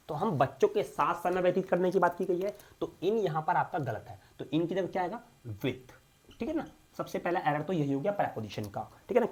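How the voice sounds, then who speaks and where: A woman teaching an English grammar lesson, reading sentences slowly and then explaining them briskly with repeated checks. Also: fairly low pitch, darkish tone, slightly rough.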